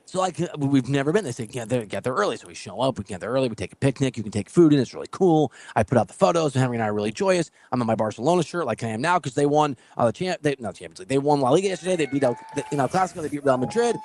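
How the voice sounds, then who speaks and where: Animated man telling a story. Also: medium pitch, very fast, hardly any pauses, no room sound. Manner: animated, acts out quotes with laughs. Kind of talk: casual storytelling chat.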